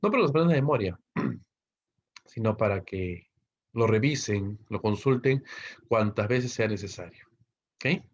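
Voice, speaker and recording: A man's voice: on the low side, expressive, measured pace, long pauses, breathy edge, highs cut off. A man teaching an English grammar class, explaining step by step and checking in with the students after nearly every line. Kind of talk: online class lecture.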